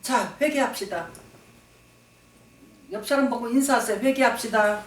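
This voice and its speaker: A woman pastor delivers an emphatic sermon in a church sanctuary, repeating phrases for stress and calling for amens. Her voice is on the high side with big pitch swings and a moderate pace. The distant mic picks her up in an echoey hall.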